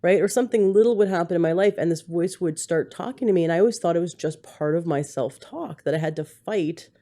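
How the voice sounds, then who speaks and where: A woman podcast host with a lowish, mellow voice, talking candidly in a loose, rambling way. She tells her own story with plenty of restarts and self-corrections. She is recorded at home on a handheld mic. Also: fast. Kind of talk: candid conversational interview. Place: home setting, husband holding the mic.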